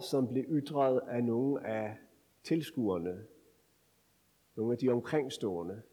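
A male pastor giving a scripture reading and sermon with a measured, solemn delivery. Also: mid-range voice, warm tone. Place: church. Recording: long church reverb.

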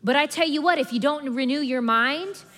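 Animated woman preacher in a reverberant hall. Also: high voice, normal speed. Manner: animated, acts out congregation's inner voices with laughs. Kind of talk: sermon.

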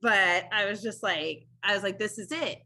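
A woman's voice: mid-range voice, moderate pace. A woman in her thirties, a former defense attorney, telling stories in a casual interview, acting out quotes with lots of "like". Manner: animated storyteller, acts out quotes, many "like"s.

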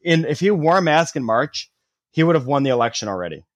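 A man's voice: fairly high pitch, fast, no echo. Profane storytelling man, dry sound. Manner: profane, animated storytelling with filler "like". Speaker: podcast co-host. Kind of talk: casual chat, storytelling.

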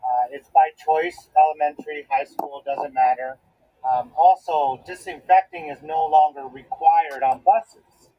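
A man's voice: on the high side, animated, a little slow, vocal fry, husky. A man calling in on speakerphone, his voice tinny like a pocket transistor radio, explaining things plainly as a school bus driver in casual chat. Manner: plain, matter-of-fact explaining with hesitant fillers. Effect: tinny, like a transistor radio over a speakerphone.

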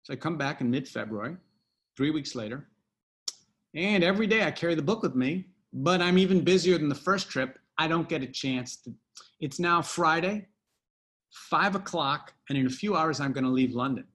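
This middle-aged guest storyteller has a fairly high, bright, animated voice at a normal pace. In a casual interview he recounts a personal anecdote, rambling and restarting with plenty of fillers.

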